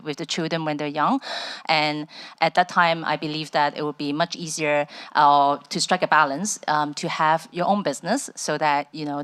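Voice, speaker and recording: A middle-aged woman giving a personal account as a panelist, pausing often as she finds her words. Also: low voice, fairly bright tone, clean tone. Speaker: panelist, entrepreneur.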